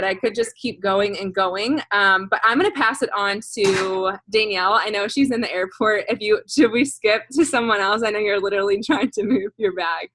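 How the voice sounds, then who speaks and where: A woman's voice: mid-range voice, a bit bright, a little hiss or hum. A woman hosting a group video call, giving a chatty, emphatic and informal sales presentation. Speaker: host of a group business call.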